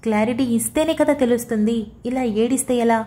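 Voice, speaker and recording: A woman's voice: a little high, a little fast, dark tone, lightly acted. Woman reading a coaxing young husband. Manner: coaxing, playful. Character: young husband, teasing and soothing. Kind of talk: audiobook character voice.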